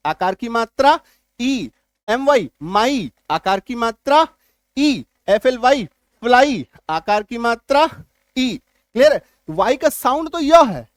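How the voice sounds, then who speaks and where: A man's voice: sits high, dry recording. A man teaching English spelling in a spelling lesson. He spells words out letter by letter, repeats points and keeps asking if his students understand.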